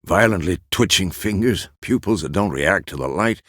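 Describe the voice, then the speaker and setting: In a dry studio-quality recording, a man voices a gruff old monster hunter with a fatherly side for a fantasy game. His gravelly voice sits low and is a bit bright and animated, yet his delivery stays terse, measured and commanding.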